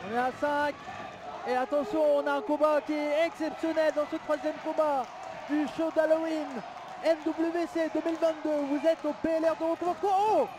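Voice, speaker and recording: Casting: male wrestling commentator, extremely high register, exclamatory live calls with stretched words, clear crowd noise behind. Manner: excitable, exclamatory, drawn-out calls of big moves.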